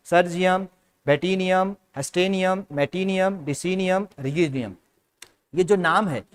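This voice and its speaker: Indian male chem teacher, fairly high voice, repeats everything, drills mnemonics. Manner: repetitive, drilling mnemonics, calls students beta. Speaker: chemistry teacher. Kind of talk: classroom lecture in Hindi-English mix.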